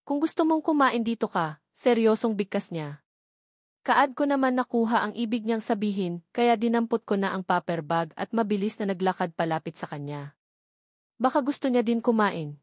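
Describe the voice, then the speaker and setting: A woman with a Filipino accent narrates a first-person romance novel as a scripted audiobook. Her voice is medium in pitch and moderately paced, recorded at studio quality with no room sound.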